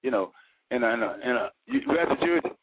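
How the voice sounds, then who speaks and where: A man's voice: mid-range voice, wildly swooping pitch, fairly quick, creaky. A man calling into a radio show over the phone, talking in an earnest, folksy way with homespun sayings. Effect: heard over the phone. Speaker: radio call-in caller. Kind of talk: casual call-in talk. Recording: tinny phone line with static.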